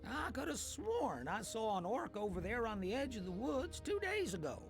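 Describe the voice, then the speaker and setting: A suspicious, grumbling farmer from a video game, talking in an overdone rural drawl. His voice sits high for a man. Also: very animated, moderate pace, vocal fry, music in the background, exaggerated voice. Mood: gossipy. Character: grumbling middle-aged male farmer, suspicious.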